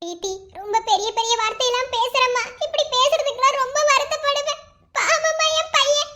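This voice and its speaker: A woman's voice: very high-pitched, fairly quick, sharp tone, soft background music. A woman voicing an old mother who begs for her son in a cartoon drama. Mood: begging. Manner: begging.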